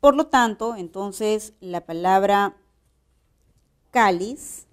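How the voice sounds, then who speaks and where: A woman with a Peruvian Spanish accent, teaching a grammar lesson in a slow, explanatory way and checking in with rhetorical questions. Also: mid-range voice.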